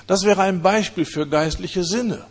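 A man preaching, telling his own conversion story in an earnest, halting way. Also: sits high. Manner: earnest storytelling with many hesitations. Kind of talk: testimony sermon.

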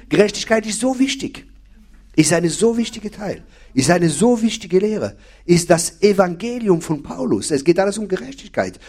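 A preacher with a husky voice, on the high side and a little mellow, gives a sermon. His delivery is emphatic, built on repeated key phrases and questions directed at his listeners.

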